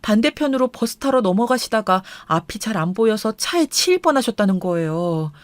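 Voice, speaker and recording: A woman doing scripted narration of a radio story in a calm, confiding first-person telling. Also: mid-range voice, a little fast, no echo.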